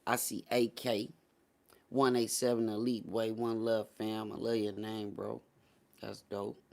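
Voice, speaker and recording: With a fairly low, flat-sounding voice, a touch of vocal fry and a slightly slow delivery, a man hosts a livestream. He offers his chat casual political talk full of slang and profanity, repeating phrases to emphasize them.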